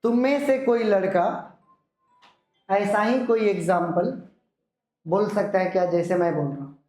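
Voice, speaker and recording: A male teacher giving a classroom grammar lesson, dictating sentences slowly and giving firm instructions to students. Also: high-pitched, darkish tone, soft background music. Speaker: English teacher. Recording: echoey classroom.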